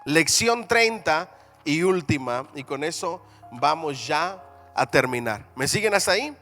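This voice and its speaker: Emphatic church teacher, bright voice. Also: male voice, on the high side, lively intonation, a little slow, in a large hall, soft background music. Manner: call-and-response, asks the class to repeat; reads scripture aloud with emphatic rises. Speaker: Bible seminary teacher. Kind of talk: church Bible class teaching. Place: church hall.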